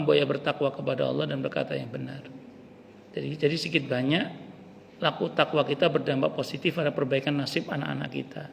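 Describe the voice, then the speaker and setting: Here the ustaz has a medium-pitched, gravelly voice. In a relaxed mosque study circle he tells stories in everyday language, performing the quotes as he goes, captured with echoing hall acoustics and light hiss.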